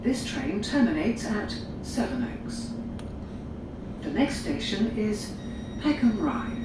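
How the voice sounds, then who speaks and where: A woman's recorded onboard train announcement in a measured, formal announcing manner, played over the carriage loudspeaker. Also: animated. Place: inside a moving train carriage. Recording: echoey distant loudspeaker over loud train noise. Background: loud train rumble.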